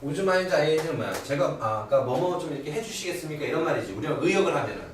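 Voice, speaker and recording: The recording, taken from far off by a camera in an old academy classroom, has strong echo and faint hiss. In it, a middle-aged man with a fairly high voice lectures quickly on English grammar. He's lively, checking in with students again and again through "그지?" and "오케이?".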